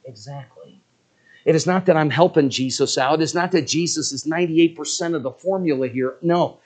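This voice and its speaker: A man's voice: a little high, moderate pace. A man preaching a sermon with emphasis, throwing rhetorical questions to his congregation.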